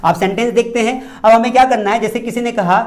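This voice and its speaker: A man's voice: very high voice, quick pace. Man teaching English in Hindi. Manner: asks and answers his own questions, repeats key words. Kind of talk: classroom-style video lesson.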